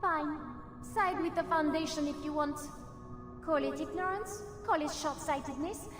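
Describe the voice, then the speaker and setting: A woman's voice: high-pitched, moderate pace, lightly acted. An actress playing a scornful, haughty disembodied spirit that scolds from inside a woman's head in theatrical game style. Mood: bitter contempt. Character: scornful disembodied female voice haunting a woman's body. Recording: echoing long reverb, music behind.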